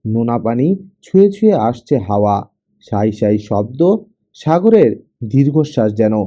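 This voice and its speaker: A man reading a detective adventure audiobook with expressive storytelling. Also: medium pitch, unhurried. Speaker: audiobook narrator. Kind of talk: scripted narration. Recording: dull lo-fi audio.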